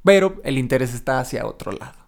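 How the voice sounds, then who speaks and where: A man with a gravelly, creaky voice at a middling pitch for a man. He chats casually as a co-host, agreeing and adding examples. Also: sing-song, fast talker. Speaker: podcast co-host. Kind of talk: casual chat.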